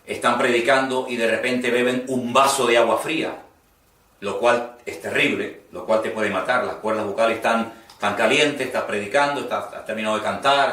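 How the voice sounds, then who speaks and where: A man's voice: medium pitch, fairly bright tone. A man from teaches preachers, earnest and conversational, often repeating his points for emphasis. He is recorded from some distance in a roomy, echoing space. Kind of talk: homiletics class lecture. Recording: echoey room, voice from a distance.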